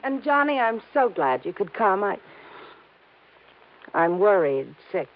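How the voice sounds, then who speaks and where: In a 1950s radio drama heard on a tinny old broadcast recording, an actress plays a young wealthy woman who is worried and earnest. Her mid-range voice is very animated yet a little slow, and she sounds anxious and hesitant.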